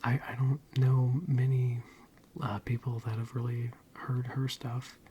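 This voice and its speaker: Soothing, whispery soft-spoken man. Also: medium pitch, monotone, unhurried, dull audio, slight background noise. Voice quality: soft, breathy, mostly whispered. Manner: hesitant, rambling, soothing. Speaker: ASMR video creator. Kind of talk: soft-spoken ASMR ramble.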